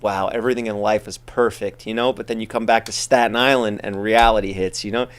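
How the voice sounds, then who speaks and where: A man's voice: lowish voice, fairly even intonation, brisk, clear, resonant tone. Laid-back man telling stories. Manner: blunt, laid-back storytelling with swearing. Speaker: podcast host. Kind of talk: casual chat.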